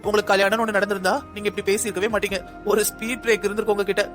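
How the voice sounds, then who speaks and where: A raised, very rapid male voice for a man playing a stern cartoon inspector who keeps his squabbling officers in line. He gives orders firmly, with soft music underneath. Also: high-pitched, little pitch movement. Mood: commanding. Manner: firm, commanding. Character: stern male police inspector, the team's boss. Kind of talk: cartoon dubbing.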